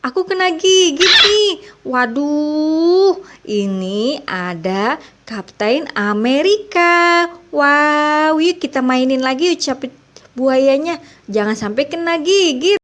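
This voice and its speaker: A woman's voice: high voice, expressive, takes it slowly, a bit bright, slight background noise. A woman narrating playfully for young children, exclaiming often like a kids' party magician and addressing her viewers as friends. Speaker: children's toy video host.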